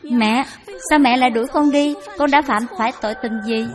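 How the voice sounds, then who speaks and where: A young woman voicing a devoted, gentle widowed daughter-in-law who speaks softly and humbly. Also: sits high, steady tone, brisk, over music, lightly acted. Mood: pleading. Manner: soft, pleading, humble.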